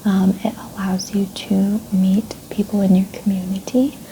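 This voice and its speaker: A woman speaking in a soft, breathy near-whisper in a whispered role-play as a gentle, polite and reassuring librarian. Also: medium pitch, level tone, measured pace, slight background noise, rough recording. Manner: polite, reassuring, gentle customer-service phrasing. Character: gentle, helpful female librarian. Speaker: ASMR creator playing a librarian.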